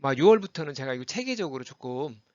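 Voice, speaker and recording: A middle-aged Korean man teaching English pronunciation, repeating English words slowly as drills and explaining in casual spoken Korean. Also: mid-range voice, sing-song, darkish tone, no room sound, lo-fi sound. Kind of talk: casual spoken lesson with drilled word lists.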